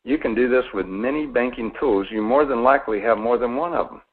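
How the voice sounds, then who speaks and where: A folksy man gives a live money seminar, stopping often to quiz his audience and slipping in a bit of sarcasm. His voice is somewhat husky. It comes through a thin, phone-like line. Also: mid-range voice, brisk. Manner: folksy, asks the audience questions, mildly sarcastic. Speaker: financial seminar presenter.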